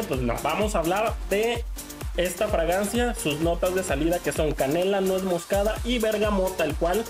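Chatty Mexican man reviewing perfume. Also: on the high side. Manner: chatty and expressive, gestures with his hands. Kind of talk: casual product review. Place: small home room, indoors.

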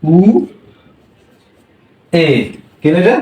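A man's voice: extremely slow, mellow, reverberant, distant mic, poor audio. A man teaching a language class, drilling sounds with repeated questions. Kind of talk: classroom lesson.

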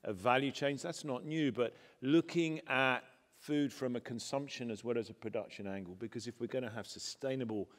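A man on a conference panel, giving thoughtful, measured remarks with some fillers. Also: mid-range voice. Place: large conference hall stage. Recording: reverberant conference hall.

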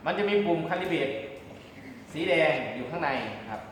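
A man's voice: a little high, measured pace. A man giving a hands-on demonstration lesson as an instructor, explaining politely step by step. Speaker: radio communications instructor. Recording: very echoey room, background noise.

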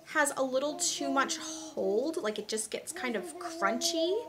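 Young woman vlogger, talkative and candid, slightly high voice, relaxed product rundown. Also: measured pace, a crowd in the background. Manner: chatty, frank, many ums and asides. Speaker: beauty vlogger. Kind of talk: casual product review chat.

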